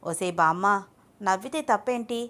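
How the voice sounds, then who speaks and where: A playful, teasing young woman, as a woman narrator puts her on, sounding bright and lively. She speaks in a quick, excited and animated way, as a figure in a spoken love story. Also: mid-range voice, close to an everyday voice.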